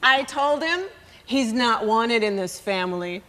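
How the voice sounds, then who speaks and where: A woman's voice: on the high side, expressive, unhurried, pushed and bright, big-room sound. A woman playing a tipsy grown daughter who is blunt, sardonic and cold toward her mother in a stage play. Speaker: actor.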